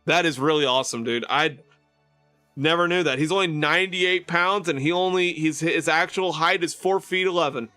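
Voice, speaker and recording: A man live streaming, chatting with viewers in a bright, forceful voice that sits a little high. He rambles with fillers and restarts. The sound is close and dry, with faint music behind him. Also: moderate pace, no echo. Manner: rambling and warm-hearted, lots of fillers and restarts. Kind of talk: casual chat with viewers.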